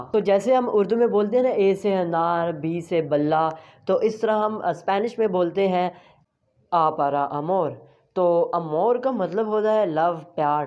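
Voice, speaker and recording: A man's voice: high-pitched, a little mellow. Patient man teaching. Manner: patient, repeats each sound slowly several times; frequent hesitation sounds between phrases. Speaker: language teacher. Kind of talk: online language lesson.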